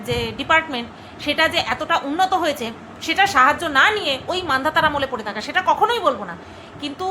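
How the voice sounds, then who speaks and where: A woman's voice: high voice, bright, forceful tone, slight background noise. A woman vlogger giving her casual, opinionated commentary in a chatty way, often asking her viewers "right?". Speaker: vlogger commenting on other creators.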